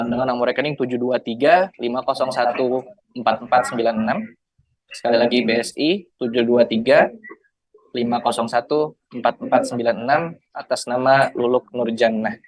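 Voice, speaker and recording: A man's voice: mid-range voice, low-quality recording. A man hosting and moderating a religious talk, polite and friendly, with a hesitant manner. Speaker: host.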